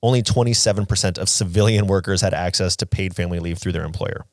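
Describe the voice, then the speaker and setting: A man in his thirties co-hosts a podcast, chatting casually and offering opinions with plenty of "like" thrown in. His voice sits low and he talks fast, captured in a dry, studio-quality recording.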